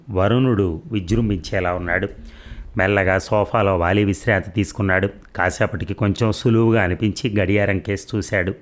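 A man reading a short story aloud in a measured, expressive storytelling manner. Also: low-pitched. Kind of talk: scripted narration.

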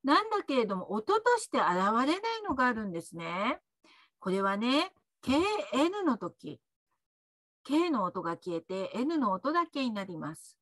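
A woman teaching English pronunciation. She speaks slowly and chats between words, adding little tags as she explains, and draws out model words for the learner to repeat. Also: on the high side, sing-song, fairly bright tone, no room sound, studio quality. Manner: chatty, adds little "ne" tags while explaining. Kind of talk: pronunciation lesson with repeat-after-me drills.

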